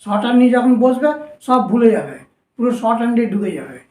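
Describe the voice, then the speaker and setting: High-voiced Bengali woman teaching shorthand. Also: very animated, quick pace, mellow, echoey room. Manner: instructive, repeats steps patiently. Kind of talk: whiteboard lesson for students.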